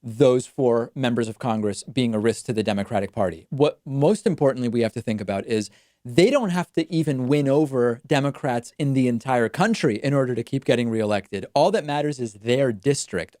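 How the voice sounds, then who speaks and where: A man's voice: mid-range voice, lively intonation, normal speed, dark tone, no room sound, clean studio sound. A man hosting a call-in show, giving unscripted political commentary in an explanatory, matter-of-fact way.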